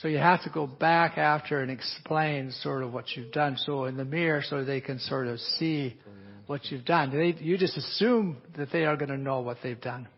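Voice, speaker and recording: Gravelly man teaching a clinical demo. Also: a little high, moderate pace, slight background noise. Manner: explanatory, hedging with "a little bit". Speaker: aesthetic physician demonstrating on a patient. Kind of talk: live clinical teaching demonstration. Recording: dull lo-fi audio.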